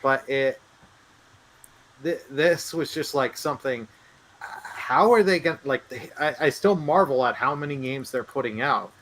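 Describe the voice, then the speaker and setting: A man co-hosting a casual gaming podcast, talking excitably with stammering restarts. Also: mid-range voice, a little slow. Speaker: podcast co-host.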